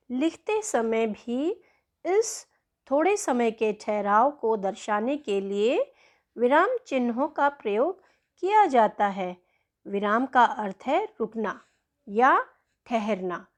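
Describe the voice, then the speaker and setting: Slow, patient woman teaching kids. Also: on the high side. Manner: slow, patient, addresses children often. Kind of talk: worksheet lesson for young children.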